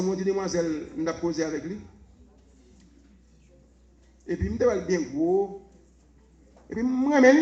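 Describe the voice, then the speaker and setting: A man preaching a sermon, swinging from low murmurs to shouts. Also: roomy sound, dull audio.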